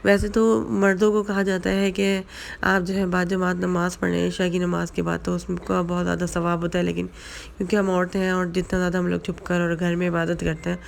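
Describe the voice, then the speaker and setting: A woman giving casual religious advice in a vlog, hoarse from a flu and sore throat, chatty and full of repeated fillers. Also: fairly low pitch, monotone, a little hiss or hum. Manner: chatty, repeats fillers, mixes in English words. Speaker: vlogger.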